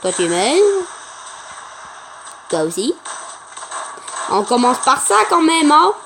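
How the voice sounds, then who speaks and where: A woman giving chatty, excitable gameplay commentary for her channel, talking to viewers and taunting opponents. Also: high voice, slow, background noise.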